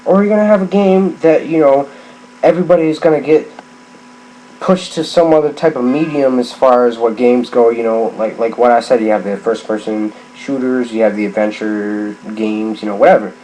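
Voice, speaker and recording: A drunk middle-aged man on a rambling, casual gaming rant, halting and repeating himself as he circles back on phrases. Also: medium pitch, fairly even intonation, warm tone. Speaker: gaming vlogger. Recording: clearly noisy background ambience.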